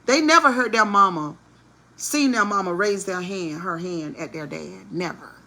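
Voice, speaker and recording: A woman telling a family story in a vlog, indignant and preachy, sometimes dropping to a hush. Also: mid-range voice, normal speed. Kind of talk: slow, heated storytelling monologue.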